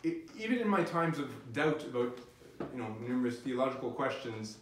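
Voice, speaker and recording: A middle-aged physician giving a faith-based lecture, speaking earnestly and haltingly, with many restarts. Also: male voice, mid-range voice, big pitch swings. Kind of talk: faith-based academic talk. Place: lecture room. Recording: very echoey room, distant mic, faint noise.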